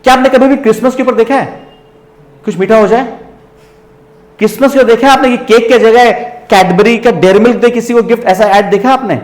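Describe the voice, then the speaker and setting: A man teaching a business class in a lively lecture style, often checking in with his students. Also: very high voice, fairly quick, echoey room. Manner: lively, asks students rhetorical checks, mixes English into Hindi.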